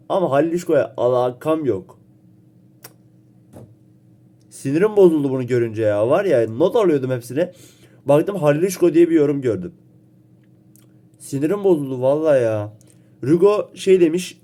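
A man's voice: medium pitch, warm tone. A young man chatting casually to his viewers in a joking, self-teasing way, slightly ill so his voice sounds a bit off. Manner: joking, playful, quick reactions and self-teasing. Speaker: vlogger. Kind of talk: casual chat to camera.

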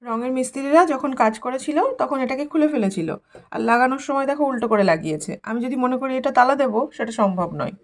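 A woman's voice: high voice, fast talker, slight background noise. A young woman vlogger with a regional West Bengal Bengali accent, talking casually to her viewers while doing chores at home. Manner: chatty, addresses viewers directly with asides. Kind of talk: casual daily-life vlog narration. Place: home, moving between rooms and rooftop.

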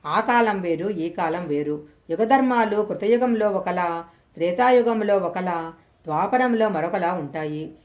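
A woman voicing an old male monkey demigod, weary and wise, in a calm, patient storybook reading. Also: fairly low pitch, unhurried, lightly acted.

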